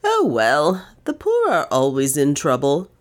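A woman's voice: medium pitch, wildly swooping pitch, unhurried, darkish tone, voice pushed up. A woman voicing a foppish young man about town who speaks in a light, careless, airy way. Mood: breezy.

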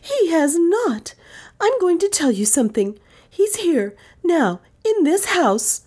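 Woman doing a fiery young heroine in an audiobook, high and pleading, very animated. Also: unhurried.

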